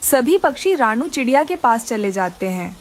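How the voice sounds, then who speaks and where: A woman narrates a children's story for animation in a scripted storytelling style. Her voice is high, with lively pitch movement, at a normal speed.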